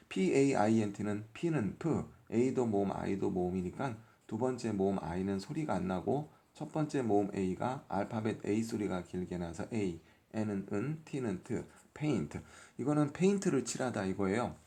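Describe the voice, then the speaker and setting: A man's voice: fairly low pitch, expressive, slow, vocal fry, dark tone. A man teaching English phonics from a workbook, patiently sounding out each letter and explaining the meaning of each word. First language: Korean. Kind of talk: workbook lesson explained step by step.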